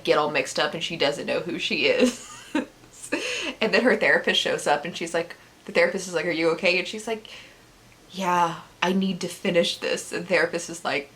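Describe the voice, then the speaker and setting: This casual book-review vlog features a woman with a lowish, slightly bright voice recounting the story of a book. She's giggly, laughing as she speaks, with sarcastic asides sprinkled in.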